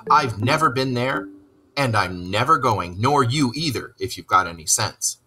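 A man's voice: medium pitch, animated, normal speed, sharp tone, voice pushed up. A man voicing a cheerful, self-assured male water rat who talks in a chatty, hearty way in a storybook reading. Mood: wary. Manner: chatty and hearty, hesitant when wary.

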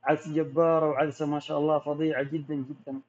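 A man with a Gulf Arabic accent, a macro photographer who answers viewer questions in a relaxed, explanatory way during a casual live Q&A. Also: a little high, rapid-fire. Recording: dull lo-fi audio.

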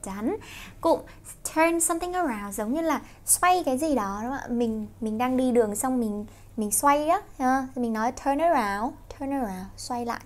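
A young Vietnamese woman teaching English through songs, explaining quickly and slowing down to sing lines. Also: sits high. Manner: quick explanations broken by slow sung lines. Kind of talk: song-based English pronunciation lesson.

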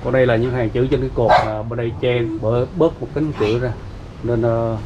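A man's voice: medium pitch, steady tone, a little fast, very noisy. A man vlogging as he walks around a family grave site, talking casually with lots of fillers and speaking to his viewers directly. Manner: chatty, many fillers, addresses viewers as everyone. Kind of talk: casual walking tour narration. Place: outdoors at a cemetery gate. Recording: dull lo-fi outdoor recording.

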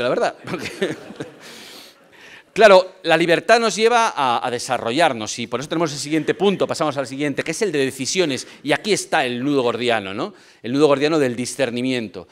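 A man giving a talk in a lecture hall, telling anecdotes in a lively way and often checking in with the audience with a questioning tag. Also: a little high. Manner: animated storyteller, asks "¿no?" often. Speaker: conference speaker.

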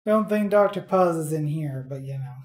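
A woman's voice: deep voice, animated, normal speed, a little mellow. A woman giving casual gameplay commentary as a streamer, musing dryly to herself. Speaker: video game streamer.

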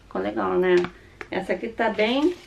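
A Brazilian woman in her fifties with a slightly hoarse, sore-throat voice, chatting casually to the camera as a vlogger showing her purchases. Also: medium pitch, normal speed, dull audio, a little hiss or hum. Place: small room at home, indoors.

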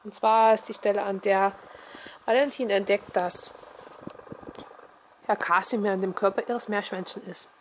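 A woman blogging about children's books, giving a review and reading aloud in a lively, expressive way. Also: medium pitch, normal speed, long pauses, a little hiss or hum.

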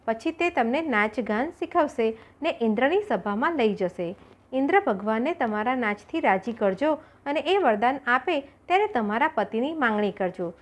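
A woman voicing kind talking swans in a children's folk tale, speaking gently and reassuringly. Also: a little high, expressive, normal speed, close to an everyday voice. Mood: kindly.

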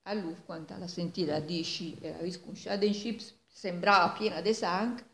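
A woman's voice: fairly low pitch, fairly even intonation, moderate pace, fairly bright tone. A woman in her seventies with a Milanese accent tells an old folk tale like a storyteller at home. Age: 70s. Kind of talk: oral folk tale told in Milanese dialect. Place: living room at home, indoors. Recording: echoey room, distant microphone.

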